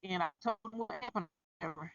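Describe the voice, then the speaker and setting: An interview guest telling a personal story in a halting way, heard over a remote call whose audio breaks up and cuts out. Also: mid-range voice, fairly bright tone, no room sound, far from the mic, highs cut off. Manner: halting, restarts often. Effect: call audio breaking up and cutting out. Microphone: remote call connection.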